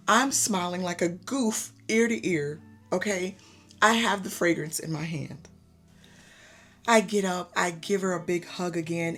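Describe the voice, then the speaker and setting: A woman vlogger telling a personal story in an animated, effusive way, calling her viewers y'all. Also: lowish voice. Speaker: lifestyle vlogger.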